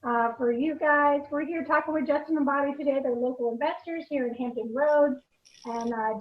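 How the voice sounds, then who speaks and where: A woman's voice: high-pitched, echoey room, lo-fi sound. A woman hosting a casual video call chat with local investors, chatty and upbeat. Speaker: host.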